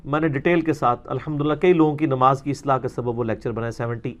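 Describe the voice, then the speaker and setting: This man's medium-pitched voice stays fairly even as he gives a casual religious talk in a Pakistani Punjabi accent. His argument is colloquial, full of rhetorical questions, with a few English words thrown in.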